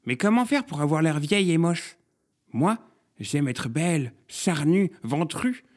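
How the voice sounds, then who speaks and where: A man's voice: a little high, big pitch swings, voice pushed up. A man playing a vain plump zucchini lady. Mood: preening. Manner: preening, slow to understand.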